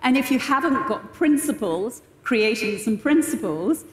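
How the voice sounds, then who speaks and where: A woman giving measured, explanatory advice as a guest expert in an on-stage interview. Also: fairly high pitch, animated, a little hiss or hum. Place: large indoor conference stage. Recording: echoey hall with long reverb.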